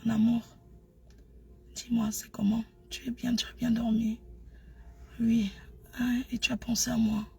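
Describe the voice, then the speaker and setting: A woman putting on soft, whispered lover talk as if on the phone, in a whispered role-play. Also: on the high side, flat delivery, measured pace, long pauses, exaggerated voice. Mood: intimate. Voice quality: breathy.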